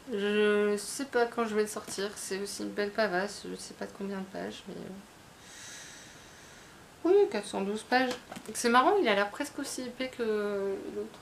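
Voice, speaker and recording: Chatty woman with faint hiss. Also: mid-range voice. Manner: chatty, hesitant, many fillers and restarts. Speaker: book vlogger. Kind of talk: casual book haul chat.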